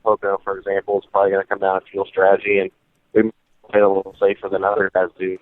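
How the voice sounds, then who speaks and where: A man's voice: low-pitched, monotone, very fast. A man, a racing driver, calling into an interview while his phone connection breaks up and the stream quality drops. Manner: casual, filler-heavy speech. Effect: phone connection breaking up, stream quality dropping. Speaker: racing driver, guest caller. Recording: tinny phone line dropping out.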